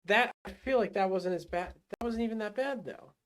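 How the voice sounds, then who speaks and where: A male gaming livestreamer plays a rocket game, casually thinking aloud and talking himself through each move, muttering with fillers and restarts. His voice is high-pitched, fairly bright, clear and resonant, at normal speed.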